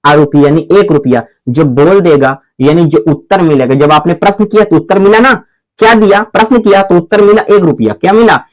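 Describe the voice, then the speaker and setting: A man teaching a grammar lesson in a classroom style, asking questions and answering them himself over and over, calling the viewer "my brother" and spelling out letters slowly. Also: on the high side. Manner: repetitive call-and-response questioning, answers his own questions; slow, deliberate spelling out of letters.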